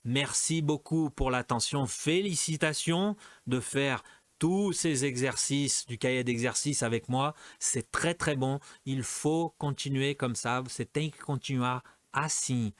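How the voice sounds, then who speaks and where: A man teaching a French lesson, repeating each example several times and slipping into quick Portuguese asides. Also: medium pitch, no echo. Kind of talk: explaining a language lesson.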